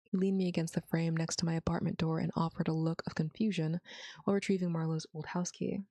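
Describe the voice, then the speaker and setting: Low husky woman reading a story. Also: level tone, fast talker, dark tone, no echo. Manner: first-person narration with casual asides. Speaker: VTuber story reader.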